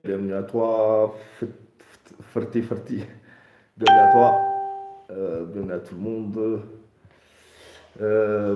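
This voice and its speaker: A hallway-like echo surrounds this man in his thirties as he hosts a casual livestream. His voice is fairly low and dark, with a relaxed tone. He talks informally, repeating greetings and dropping in Arabic phrases, recorded on a phone in a bare room. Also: a little hiss or hum. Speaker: livestream host. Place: indoors in a bare, echoing room.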